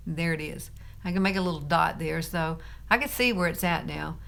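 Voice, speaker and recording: A woman's voice: fairly low pitch, fairly bright tone. A woman in her fifties giving a chatty live makeup tutorial, laughing often and talking straight to her viewers. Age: 50s. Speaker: beauty vlogger.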